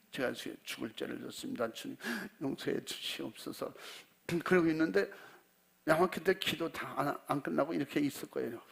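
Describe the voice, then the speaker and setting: Gravelly-voiced older pastor telling a story. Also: male voice, fairly high pitch. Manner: folksy storytelling, acts out quoted dialogue, frequent throat clearing. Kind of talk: sermon with personal story.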